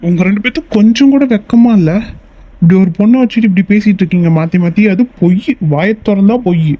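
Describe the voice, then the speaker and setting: A man's voice: high voice, fast, no echo, dull audio. A man voicing a protective young male lover in a cartoon, stern and questioning.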